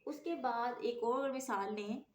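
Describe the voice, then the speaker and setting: This is a patient woman teaching English phonics in a classroom-style explanation, frequently checking "okay?". She speaks slowly in a fairly high voice, and the echoey room carries faint noise.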